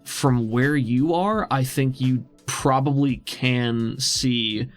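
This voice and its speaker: Speaking slowly at a medium pitch, a game master improvises conversational descriptions while narrating a tabletop role-playing game. Background music plays under his voice.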